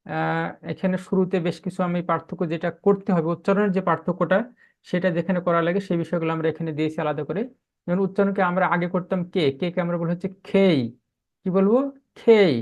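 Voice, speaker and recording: A man's voice: high-pitched, little pitch movement, fast talker, lo-fi sound. A man teaching English letter pronunciation, asking questions and answering them himself. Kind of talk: spoken English pronunciation lesson.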